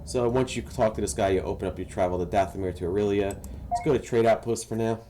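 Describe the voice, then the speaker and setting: A man casually narrating a game walkthrough, explaining each step to viewers in a relaxed, instructive way. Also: on the low side, quick pace, a little hiss or hum. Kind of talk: casual gameplay tutorial narration.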